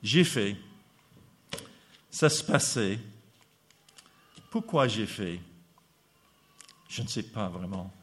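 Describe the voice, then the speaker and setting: A man with an American accent preaching a sermon, speaking haltingly with pauses and fillers. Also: fairly low pitch, expressive.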